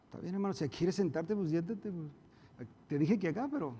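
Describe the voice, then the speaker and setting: A male pastor preaches in a fairly high voice. He is emphatic, acting out quarrels in a raised voice, then dropping to quiet asides. The sound carries a long reverb from the church hall. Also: lively intonation, moderate pace, slightly rough. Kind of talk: sermon.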